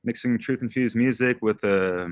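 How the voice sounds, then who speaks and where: A man's voice: medium pitch, moderate pace, no echo. A man who is a guest DJ and podcaster, talking in a laid-back, slangy way and swearing freely. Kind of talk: casual livestream chat.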